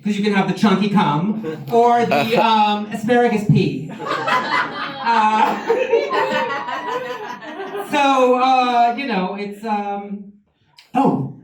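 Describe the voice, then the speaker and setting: A man's voice: high-pitched, extremely slow, pauses often. A man doing a stand-up comedy set at a benefit show, making self-deprecating, confessional jokes, secretly recorded from the audience. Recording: distant echoey bootleg with loud noise.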